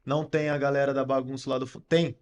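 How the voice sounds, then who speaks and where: A man's voice: mid-range voice, flat delivery, quick pace, darkish tone. A man co-hosting a podcast in a casual, enthusiastic way, speaking straight to listeners with slangy remarks and a Brazilian Portuguese accent. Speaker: podcast co-host.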